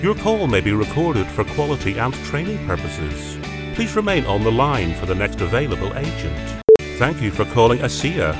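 A man's voice: medium pitch, sing-song, moderate pace, loud music behind the voice. A man reading scripted recorded prompts in a formal, polite phone menu voice, like an automated customer-service announcer.

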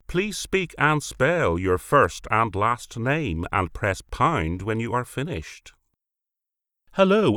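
A man's voice: mid-range voice, a bit bright, no room sound, studio quality. A man reading scripted recorded prompts in a formal, polite phone menu voice, like an automated customer-service announcer.

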